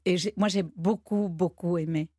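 A woman's voice: fairly low pitch, steady tone, moderate pace, dark tone, slightly rough, no room sound, studio quality. A woman from Argentina, a guest in a radio interview, who talks hesitantly and searches for her words. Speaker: guest, TV studio head.

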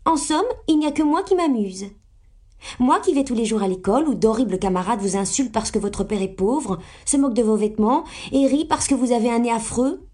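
A woman's voice: a little high, lively intonation, brisk, a little mellow, voice pushed up. A woman reader voicing a prissy, haughty little youngest sister with whiny, dignified airs. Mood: indignant.

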